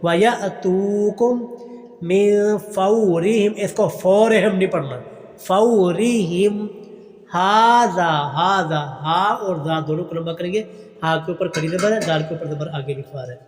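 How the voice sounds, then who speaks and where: A man teaching Quran recitation online. He chants each verse slowly and drawn out, then explains the pronunciation rules quickly and more softly. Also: on the high side. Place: online class recording. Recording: long reverb with faint music.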